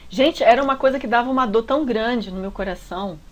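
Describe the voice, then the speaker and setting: A woman's voice: fairly high pitch, fast talker, poor audio. Heartfelt Brazilian woman telling a story. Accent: Brazilian Portuguese. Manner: heartfelt, confiding, frequent tag questions. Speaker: relationship coach. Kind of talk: personal storytelling talk.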